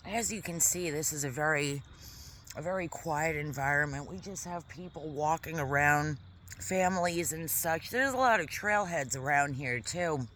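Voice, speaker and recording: A woman chats to her camera while she eats outdoors in a quiet park. Her voice is bright and forward, and her talk rambles along casually. Faint outdoor ambience hangs behind her. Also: sits low, moderate pace, slight background noise. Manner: chatty, rambling, eating while talking. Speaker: vlogger. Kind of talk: casual vlog chat. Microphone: camera mic.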